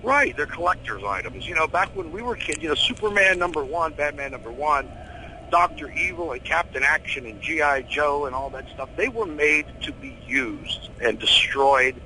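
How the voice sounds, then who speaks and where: A middle-aged American man chatting casually in an interview, animated, opinionated and full of slang. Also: a little high, moderate pace, a little hiss or hum, rough recording. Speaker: horror host being interviewed.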